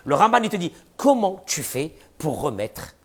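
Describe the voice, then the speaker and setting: A man's voice: fairly high pitch, moderate pace. A man giving a religious lesson to listeners. He asks rhetorical questions and acts out the people he describes. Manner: animated, rhetorical questions, voices imagined people. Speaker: rabbi teaching a class.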